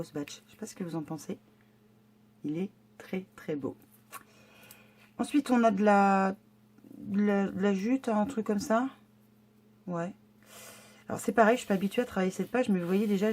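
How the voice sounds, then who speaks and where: A woman with a mid-range, slightly mellow voice unboxes a monthly scrapbooking box for her vlog. Her talk is casual and excited, but she hesitates, restarting sentences and using many fillers.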